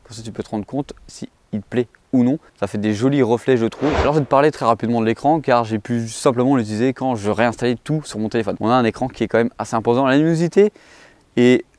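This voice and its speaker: A man's voice: medium pitch, fast talker, a little mellow, no echo. A man giving a casual, chatty tech product review and speaking straight to the viewer. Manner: chatty, addresses the viewer directly.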